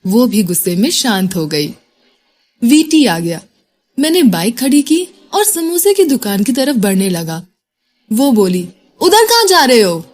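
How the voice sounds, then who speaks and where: A woman narrating a love story in an expressive storytelling voice. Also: medium pitch, unhurried. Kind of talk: scripted narration.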